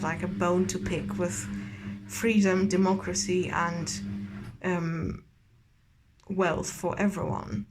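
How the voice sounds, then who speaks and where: A drunk woman from Eastern Europe rambling casually in an opinionated, sweary rant, recorded in a bathtub at home. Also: medium pitch. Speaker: vlogger and novelist. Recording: clearly noisy bathroom ambience.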